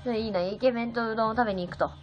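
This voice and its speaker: Talking rapid-fire in a voice on the high side, a seventeen-year-old girl reads out viewer comments during a casual phone livestream. She's bubbly and thanks her viewers individually. Faint music plays and the audio is a bit dull.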